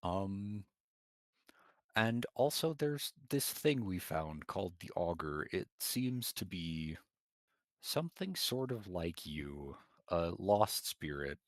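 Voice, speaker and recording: A giant of a man talks over his week in a low, unhurried ramble full of small hesitations, as a man puts him on. The voice sits very deep and close, with a dry sound and no room around it. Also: very animated, no room sound, full character voice. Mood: reflective. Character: male giant adventurer reporting to a spirit.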